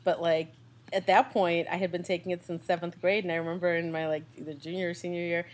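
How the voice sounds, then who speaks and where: A woman's voice: on the low side, little pitch movement, quick pace, a little mellow. A young American woman co-hosting a podcast, chatting casually and rambling with lots of fillers. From United States. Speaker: podcast co-host. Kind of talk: casual chat.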